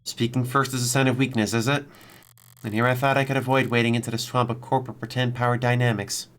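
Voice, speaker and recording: A streamer reads game text aloud and gives casual, wry playthrough commentary full of irreverent asides. The voice is medium-pitched, with little pitch movement and a quick pace. Music plays behind it, along with a little hiss or hum.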